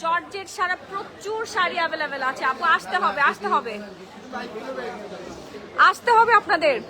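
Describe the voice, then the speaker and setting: Hoarse, very high-voiced woman selling clothes live. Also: a crowd in the background. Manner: brisk, excited selling patter, calling out to staff. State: hoarse from shouting all day. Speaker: shop owner selling clothes on a live stream. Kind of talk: live sales stream. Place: unfinished mall showroom with workers around.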